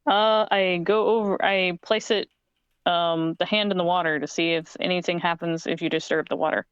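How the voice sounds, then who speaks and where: A woman's voice: fairly low pitch, fairly even intonation, normal speed, clear, resonant tone, no room sound. A woman chatting casually and hesitantly as a player in a tabletop role-playing game, on slightly dull audio.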